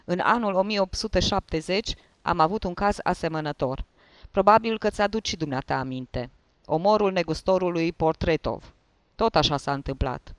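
A man playing an irritable, bossy middle-aged male investigating judge in a read-aloud story. He talks curtly and scolds, his voice slightly high, recorded dry and close. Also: no echo, close to an everyday voice. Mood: stern. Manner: curt, scolding.

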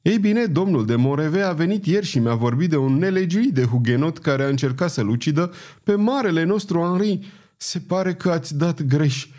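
A man's voice: on the high side, lively intonation, mellow, pitched above the performer's own voice, lightly acted. A male audiobook reader voicing a terrified ferryman who begs and stammers. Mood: nervous. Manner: panicked, begging, breathless. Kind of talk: audiobook character voice.

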